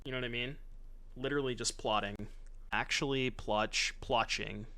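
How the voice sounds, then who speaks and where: This is casual card-game commentary from a man in his thirties, who reads and jokes with chat at his home desk mic and webcam. His medium-pitched voice holds a steady tone at a moderate pace, bright and forceful.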